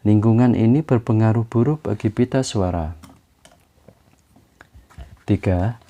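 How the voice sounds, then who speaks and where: Man reading a book, dark voice. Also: on the low side. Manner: steady, measured reading of a self-help text.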